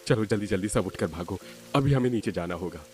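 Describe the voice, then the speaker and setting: A man's voice: fairly low pitch, animated, quick pace, darkish tone, close to an everyday voice. A man voicing an easygoing, agreeable father-in-law in a cartoon story. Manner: agreeable, food-loving.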